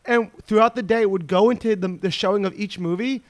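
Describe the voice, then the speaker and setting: A man's voice: high voice, a little fast. A male podcast co-host in casual chat, joking, laughing often and stumbling over repeated words. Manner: jokey, laughs often, stammers and repeats himself.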